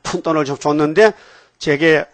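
A man's voice: on the high side, moderate pace, no echo. A male pastor preaching a sermon, scolding his congregation with rhetorical questions and calling on them to repeat after him.

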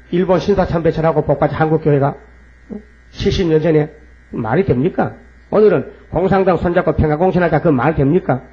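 A man preaching a fervent sermon. He reads scripture aloud and keeps asking and answering his own rhetorical questions. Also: fairly high pitch. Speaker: pastor. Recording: dull lo-fi recording with mains hum.

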